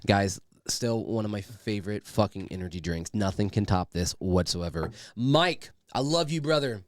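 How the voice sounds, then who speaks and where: A man hosting a podcast with casual, sweary, rambling chat and sponsor reads, in an excitable manner. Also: fairly low pitch, moderate pace, dry recording. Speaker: podcast host.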